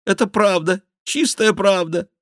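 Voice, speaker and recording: A man voicing a mocking male court jester who makes a loud, nasal, theatrical mock confession. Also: unhurried, no room sound, studio quality. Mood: mock-tearful. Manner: loud, theatrical, high-pitched mock repentance.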